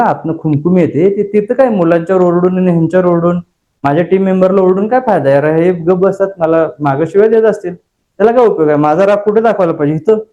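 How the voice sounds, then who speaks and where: A man's voice: high-pitched, warm tone, highs cut off. A male course trainer giving a motivational lecture to a class, speaking emphatically, telling personal stories and often asking the room rhetorical questions. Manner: tells personal stories with dramatized inner voices.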